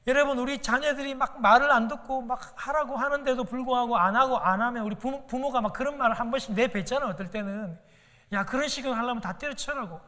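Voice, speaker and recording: A man delivers a Sunday sermon in a strikingly high voice, earnest and direct, constantly calling out to his congregation. His words ring out with a long reverb from the church sanctuary. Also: fast, few pauses, sharp tone. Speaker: pastor.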